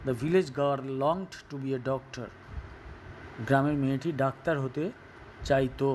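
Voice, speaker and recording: A man's voice: mid-range voice, steady tone, takes it slowly, darkish tone, slight background noise. A man teaching an online school English class with a Bengali accent, explaining word meanings step by step in English and Bengali. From West Bengal, India. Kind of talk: recorded online class lesson.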